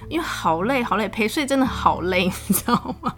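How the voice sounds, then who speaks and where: A woman in her thirties with a Taiwanese Mandarin accent, telling a story about her child in a casual, animated way, often laughing. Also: fairly high pitch, brisk. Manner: chatty, animated, laughs often, voice rises when exasperated. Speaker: podcast host, mother.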